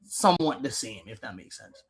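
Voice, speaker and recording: A man, a guest DJ telling stories in a casual podcast interview, animated and slangy. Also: medium pitch, brisk, breathy edge. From Antigua. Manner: animated storyteller, slangy, acts out his own past lines. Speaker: guest DJ and producer.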